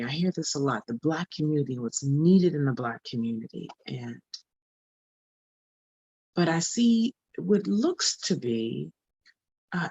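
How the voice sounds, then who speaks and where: A woman's voice: low voice, a little mellow, slightly rough, no room sound. A woman in her forties giving an earnest motivational talk as a spiritual coach, often repeating phrases for emphasis. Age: 40s.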